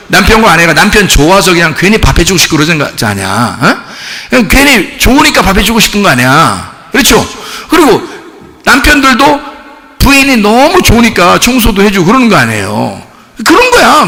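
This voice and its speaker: Pastor guy preaching, bright edgy voice that jumps all over, lots of gravel, big hall echo. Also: high voice. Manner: animated, acts out voices of spouses in quoted asides. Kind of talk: lively conversational sermon. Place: church sanctuary. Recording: long church hall reverb.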